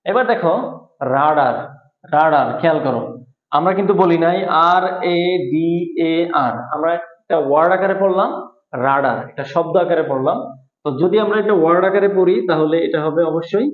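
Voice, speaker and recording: A man teaching an English lesson at a board, explaining slowly and repeating each point. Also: on the high side. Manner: slow, repetitive explaining, spelling out letters. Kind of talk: whiteboard lesson. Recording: echoey room, tinny phone-like sound.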